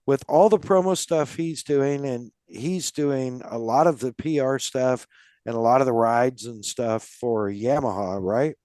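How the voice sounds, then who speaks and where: A podcast host with a medium-pitched, mellow voice chats casually with a guest, speaking a little slowly. He rambles, with lots of fillers and restarts, in a dry, studio-quality recording.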